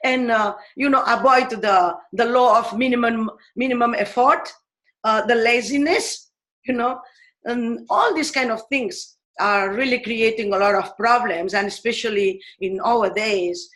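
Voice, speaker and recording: A woman teacher from Spain, explaining her ideas in English earnestly, pausing often and searching for words. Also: fairly high pitch, fairly bright tone. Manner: earnest and searching, with frequent pauses and fillers. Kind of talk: explanatory talk in a video series.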